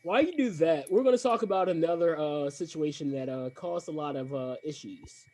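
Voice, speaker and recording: High-pitched guy on a podcast going off on opinions, lots of restarts. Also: moderate pace, warm tone. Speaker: podcast co-host. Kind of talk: casual chat.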